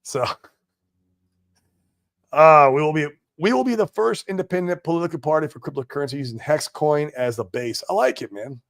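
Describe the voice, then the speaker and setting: A man's voice: on the high side, normal speed. A man in his forties hosting a casual livestream, chatting in a laid-back, slangy way and peppering his talk with "man" and "dude". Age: 40s. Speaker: livestream host. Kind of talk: casual livestream chat reading viewer comments. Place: home in Puerto Rico.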